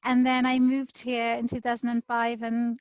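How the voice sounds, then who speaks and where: A woman's voice: a little high, monotone, normal speed, a little mellow, dry recording. A woman hosting an interview, asking questions in an enthusiastic way. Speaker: interview host, immigration attorney. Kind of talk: conversational interview.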